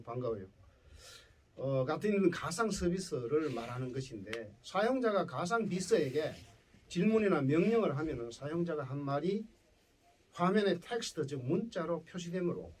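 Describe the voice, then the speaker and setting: Lecturing to school students in an indoor setting, a Gyeongsang-accented professor keeps checking in with his listeners using tag questions. He speaks from a distance from the mic, his voice on the high side, a little mellow and slightly rough.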